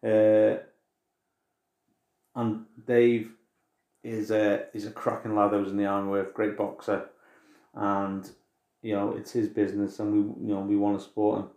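A man's voice: fairly low pitch, little pitch movement, unhurried, pauses often, warm tone. Chatty English man in an echoey room. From England. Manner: chatty, informal, swears casually. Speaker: podcast co-host. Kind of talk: casual chat.

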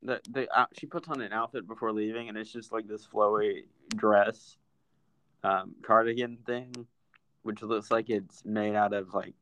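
A man's voice: on the low side, fairly even intonation, moderate pace, a bit bright, poor audio. A man co-hosting a podcast who chats casually and hesitantly, with frequent "um" fillers. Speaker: podcast co-host. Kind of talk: casual chat.

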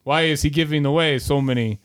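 A man's voice: on the high side, brisk, clear, resonant tone, dry recording, clean studio sound. A man playing a tabletop game in a mock-formal, theatrical way. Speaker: player. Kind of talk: in-character tabletop play.

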